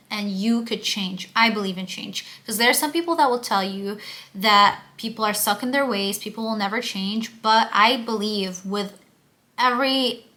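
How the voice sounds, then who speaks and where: A woman's voice: mid-range voice, sharp tone. A young woman talking candidly to camera in a casual confessional vlog, emotional and open, with lots of "um" and "like". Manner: candid and emotional, with frequent fillers like "um" and "like". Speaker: vlogger.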